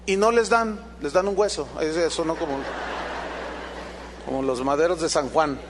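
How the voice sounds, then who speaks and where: A man's voice: on the high side, moderate pace, background noise. A Mexican man with a Mexican accent, preaching a sermon as pastor, emphatic and quizzing his congregation with rhetorical questions. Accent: Mexican Spanish.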